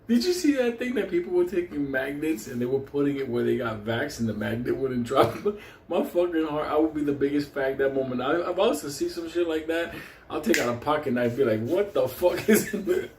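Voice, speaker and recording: A Puerto Rican man, a native Spanish speaker, hosts his own show, rambling through rowdy, profane stories while swearing constantly and laughing a lot. His voice is a little high, expressive and darkish in tone at a normal speed, recorded in an echoey room with faint hiss.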